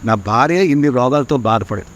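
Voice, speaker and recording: Fast-talking man giving an emotional testimony. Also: mid-range voice, lively intonation, highs cut off. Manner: fervent storytelling, acts out his prayers and God's replies. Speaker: songwriter guest.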